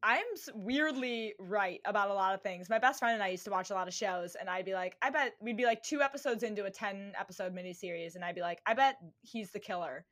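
A young woman hosting a podcast, chatting casually and telling lively stories with acted-out quotes. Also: medium pitch, fast talker, few pauses. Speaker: podcast host. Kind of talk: casual chat.

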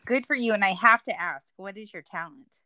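A woman's voice: medium pitch, brisk, bright, forceful tone, dry recording. A woman with an American accent hosting a conversational interview in an encouraging, affirming way. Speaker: podcast host.

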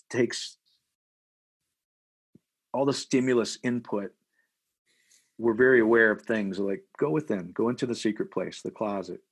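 Pastor, man from Iowa, low husky voice, preacherly and repetitive. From Iowa, USA. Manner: energetic, preacherly, repeats phrases for emphasis. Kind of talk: podcast interview, leading a prayer.

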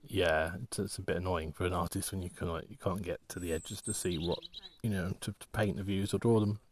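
Brief: low-pitched man, relaxed vlog chatter, halting and rambling, trails off mid-thought. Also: slight background noise. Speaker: walking vlogger and artist. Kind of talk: casual rambling monologue.

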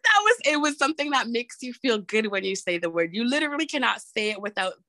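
A woman's voice: a little high, very animated, fast talker, pushed and bright, no echo. Earnest woman business owner chatting in an interview, repeats herself, dead dry audio. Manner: earnest, repeats points, laughs often. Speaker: entrepreneur and nurse, interview guest. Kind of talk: casual interview answers.

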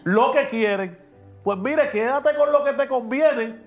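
Emphatic high-voiced pastor. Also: male voice, a little slow, soft background music. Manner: emphatic and preachy, drops English words in. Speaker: pastor, podcast host. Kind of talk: preaching podcast talk. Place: podcast studio.

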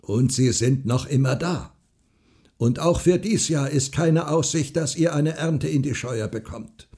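A man voicing a frail old widow who speaks softly, earnestly and secretively. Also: on the high side, measured pace, pitched above the performer's own voice.

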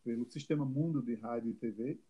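A man's voice: mid-range voice, fairly quick, warm tone, slightly rough, low-quality recording. A man hosting a web radio interview show, asking friendly, encouraging questions. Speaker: show host.

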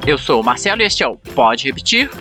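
A man with a Brazilian Portuguese accent hosting an English-learning podcast, slowly drilling example sentences for students. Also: mid-range voice, very animated, music in the background. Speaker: podcast host and English teacher. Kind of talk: teaching English lesson.

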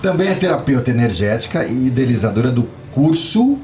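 A podcast host with a Brazilian Portuguese accent jokes and laughs while reading a guest's introduction, in playful podcast banter. His mid-range voice is very animated and a little fast, with background noise present.

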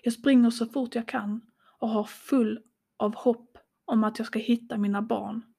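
Woman with a fairly high voice narrating first-person horror, slow and dramatic, hushing at tense moments. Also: fairly even intonation, vocal fry, husky. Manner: slow, dramatic reading with hushed passages. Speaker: podcast host and storyteller.

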